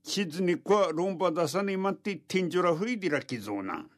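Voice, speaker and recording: A man's voice: high-pitched, expressive, moderate pace, no room sound, studio quality. A man narrating a folktale orally in a thick rural Tohoku Japanese dialect, with homespun, repeated dialect sentence endings. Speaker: folktale storyteller.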